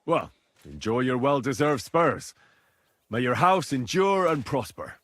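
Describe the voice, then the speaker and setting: An actor playing a deferential, courteous young knight in a medieval video game. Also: male voice, medium pitch, big pitch swings, measured pace, fairly bright tone, dry recording. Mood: respectful. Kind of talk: video game dialogue acting.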